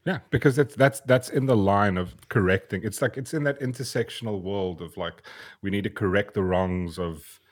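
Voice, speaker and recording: Husky low-voiced man on a podcast. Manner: laughing often, sarcastic, halting restarts. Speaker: podcast co-host. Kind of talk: casual podcast chat.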